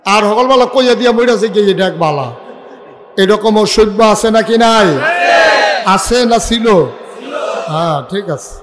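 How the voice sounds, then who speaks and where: A male preacher gives a fiery storytelling sermon at an outdoor gathering, shouting for responses from the crowd and cracking jokes. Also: high-pitched, a little slow, pauses often, big-room sound, very noisy.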